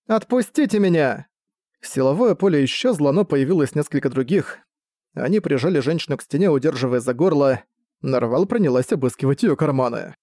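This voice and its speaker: A man narrating an audiobook in an even, steady reading voice. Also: medium pitch, fairly quick, no room sound, studio quality.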